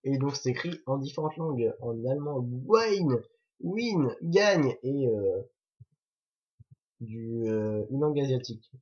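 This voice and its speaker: A man's voice: medium pitch, normal speed, mellow, husky. A man reviewing a toy set in a chatty, jokey way, correcting himself as he goes. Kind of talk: casual building commentary. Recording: dull lo-fi recording.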